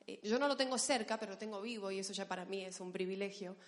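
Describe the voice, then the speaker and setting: A woman's voice: mid-range voice, quick pace. A woman pastor from Argentina with an Argentine accent, preaching playfully and addressing the congregation directly. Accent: Argentine Spanish. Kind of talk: sermon. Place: church hall. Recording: echoey church hall.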